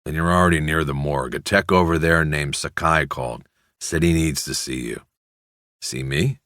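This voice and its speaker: A man's voice: very deep voice, fairly even intonation, normal speed, a bit bright, no room sound, clean studio sound. Man doing a matter-of-fact desk sergeant. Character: plain-spoken male police desk sergeant.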